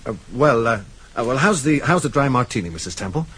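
An affable, easygoing American man in a radio drama. His voice is very husky and sits mid-range, with lively movement in the pitch and an American accent. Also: fairly quick. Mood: awkward. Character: affable, easygoing American male family associate.

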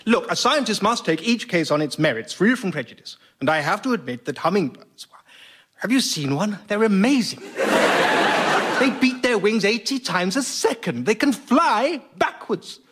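A man's voice: sits high, sing-song, normal speed, a bit bright. A man playing an older science professor, earnest and lecturing.

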